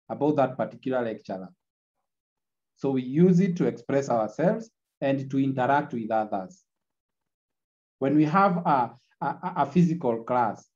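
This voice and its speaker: Through dull audio from a screen-recorded video call, a lecturer runs an online class with a medium-pitched, slightly mellow voice. He tends to repeat his points and checks in with the students by adding "eh?".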